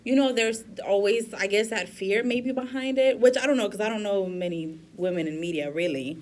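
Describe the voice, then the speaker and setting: A woman's voice: medium pitch, fairly quick, a little mellow. A woman chatting candidly as a podcast guest, swearing freely and laughing often. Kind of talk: casual podcast chat.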